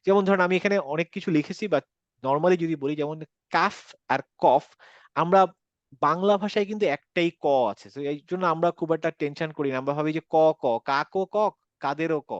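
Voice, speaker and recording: A man's voice: on the high side, a little fast, dry recording, highs cut off. A man with a Bangladeshi accent, teaching Quran pronunciation and explaining step by step with English words mixed in. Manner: explains step by step, mixes English words, asks checking questions. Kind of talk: online class lecture.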